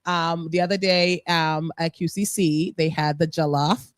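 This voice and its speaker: A middle-aged Jamaican woman hosts a radio interview show from a studio, keeping the casual chat upbeat and laughing often. Her voice is low-pitched and steady at a measured pace, with no room sound.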